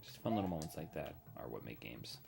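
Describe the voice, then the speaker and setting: Deep-voiced man chatting over game music. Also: sing-song, fast, vocal fry. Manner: chatty, self-deprecating, talks to the game characters. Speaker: gaming streamer. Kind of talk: casual let's-play commentary. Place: home desk setup.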